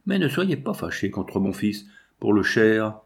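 A gentle widowed mother, humble and pleading in her grief, as a man reading aloud voices her. She speaks softly, in a somewhat low register. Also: big pitch swings, measured pace.

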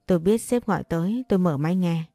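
Speaking a little low in a mellow, dark voice, a woman tells a first-person story, voicing every character herself. She is expressive and talks fast, and the close, dry recording has no echo and faint music underneath.

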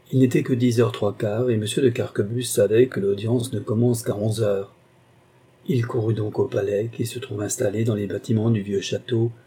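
Dark, husky male audiobook narrator. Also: lowish voice. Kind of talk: scripted narration.

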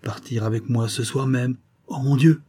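A man reading an audiobook, voicing a smooth-talking older viscount with falsely affectionate manners. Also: mid-range voice, moderate pace, dark tone, voice pushed up, lightly acted. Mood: honeyed.

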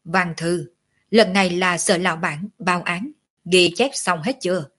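A woman's voice: on the low side, unhurried, fairly bright tone, breathy edge. A woman voicing a solemn male commander who questions his men with authority. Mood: stern.

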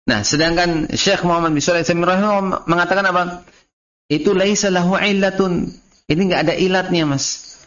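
A man's voice: mid-range voice, fairly bright tone. A man with an Indonesian accent teaching a casual classroom lesson on Arabic grammar, repeating and explaining terms as he speaks to his students. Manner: casual, addresses listeners as "Mas" and "antum". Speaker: religious teacher. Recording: muffled lo-fi class recording.

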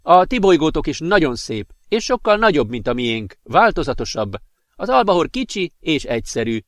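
An earnest young alien woman, voiced by a man in a spoken storybook, set somewhat above the reader's normal pitch. She speaks in a steady, explanatory way, and the recording is dry and close. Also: dry recording.

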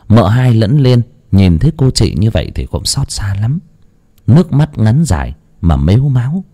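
A man narrating a horror story in a dramatic, drawn-out way. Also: fairly low pitch, warm tone.

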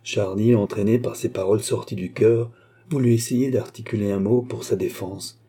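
A man reading a classic novel aloud as an audiobook narrator, in a measured, unhurried way. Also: on the low side, fairly even intonation, warm tone, breathy edge.

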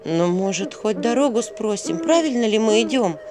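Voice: mid-range voice, animated, moderate pace, background noise, voice pushed up, lightly acted. A reader voicing a tired young woman from a fairy tale, polite but worn out. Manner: polite, exasperated. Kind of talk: audiobook character voice.

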